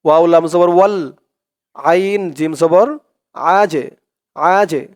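A man's voice: fairly high pitch, a little mellow, smooth, no echo, studio quality. A man with a Bangladeshi accent teaching an Arabic prayer, spelling it letter by letter and stretching out each recited word. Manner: slow, drawn-out recitation of each word, then plain explanation. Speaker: Quran and dua teacher.

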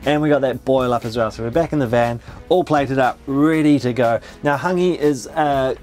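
A man's voice: medium pitch, normal speed, a little mellow, faint music behind. A man, hosting a food vlog, eagerly explaining dishes as he eats inside a camper van. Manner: enthusiastic, explains dishes while eating. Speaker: food vlogger host. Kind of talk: casual food vlog narration.

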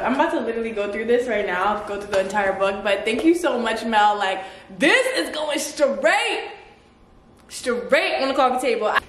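Young woman vlogging, chatty and excited, roomy apartment sound with a faint hiss. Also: a little high. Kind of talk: casual vlog chat. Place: apartment at home. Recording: echoey room.

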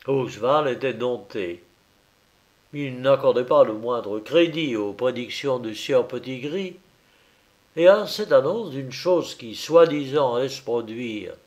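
A man narrating a classic detective novel in a measured, deliberate reading. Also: medium pitch, expressive, darkish tone. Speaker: audiobook narrator. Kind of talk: scripted narration.

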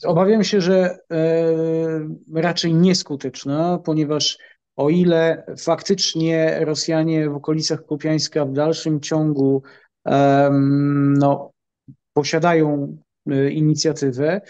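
A middle-aged man from Poland, a military analyst answering interview questions in a measured, halting way with many filler pauses. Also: on the high side, flat delivery, darkish tone, muffled recording.

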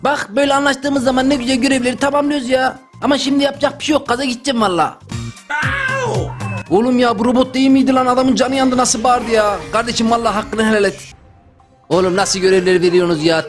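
A young man giving loud, joking, exclamatory commentary while playing a mobile game. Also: very high-pitched, steady tone, quick pace, soft background music. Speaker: gaming YouTuber. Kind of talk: excited gameplay commentary.

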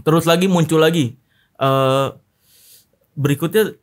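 A man with a notably high voice, chatting casually as a podcast guest. He tells stories in a lively, mocking way and laughs often. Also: a little slow. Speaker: magician guest.

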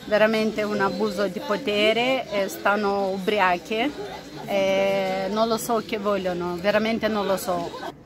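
A woman's voice: medium pitch, little pitch movement, slow pace, a crowd in the background. A woman talking in a travel vlog, anxious and bewildered. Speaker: travel vlogger. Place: in a car at night.

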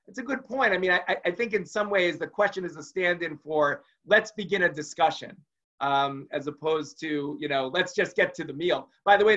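A man gives an online lesson over a video call, his voice sitting high for a man. He keeps it conversational and acts out the quoted lines in small voices. The audio is dull and lo-fi. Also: a bit bright. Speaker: rabbi teaching a class. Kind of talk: online lecture.

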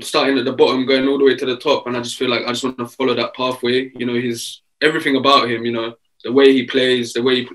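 Eighteen-year-old footballer on a video call. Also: male voice, mid-range voice, poor audio. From England. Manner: relaxed, easygoing, many fillers. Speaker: footballer guest. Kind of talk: casual interview answers. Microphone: video call webcam.

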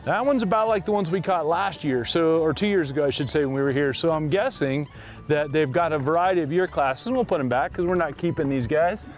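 A man's voice: fairly high pitch, a little fast, faint music behind. Chatty man hosting from a fishing boat. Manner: chatty, addresses viewers as guys. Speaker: fishing show host. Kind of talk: casual on-the-water fishing commentary. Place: on a fishing boat on a lake, outdoors.

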